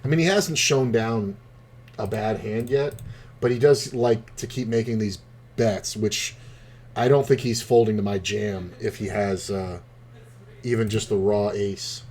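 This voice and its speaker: Fairly low in pitch, darkish and a little slow, this male poker streamer offers casual commentary as he plays online. He tells meandering stories in a relaxed, foul-mouthed way.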